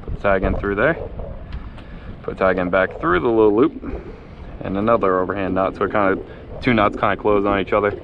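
Low-voiced man fishing from a boat. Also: a little fast, creaky, long pauses, narrow, tinny audio. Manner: excited, talks to the fish. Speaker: fishing vlogger. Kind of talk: casual on-the-spot fishing commentary. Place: outdoors on a small boat on open water. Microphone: head-mounted action camera. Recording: wind and water noise outdoors.

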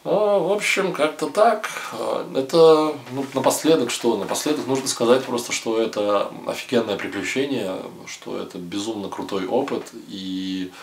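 A young man talking casually to camera at home, loose and hesitant with many pauses. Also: on the low side, gravelly. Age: young adult. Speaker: vlogger sharing a retreat experience. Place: small indoor room at home. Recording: roomy home room, faint hiss.

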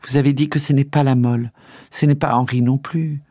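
A man voicing a young frightened queen pleading with her dying brother, his voice pushed high and exclaiming. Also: fairly even intonation, brisk, dark tone, dry recording, clean studio sound, close to an everyday voice. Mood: pleading, aghast.

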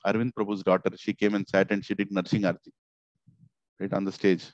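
A middle-aged man with a South Indian accent giving an informal devotional sermon, animated and repetitive, asking rhetorical questions into a headset mic. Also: low voice, a little fast, dry recording. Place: small indoor office. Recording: slightly dull, lo-fi headset audio.

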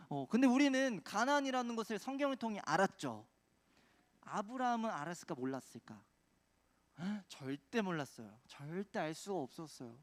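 A man preaching a children's sermon, quizzing the kids with call-and-response questions. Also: sits high. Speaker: children's pastor.

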